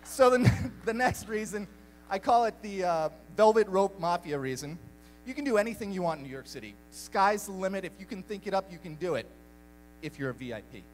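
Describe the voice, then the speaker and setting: Upbeat high-voiced young man on stage. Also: fairly quick, slight background noise, poor audio. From Belgium. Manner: lively, jokey, addresses crowd directly. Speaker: speaker at a live community talk night. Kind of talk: upbeat live talk to an audience.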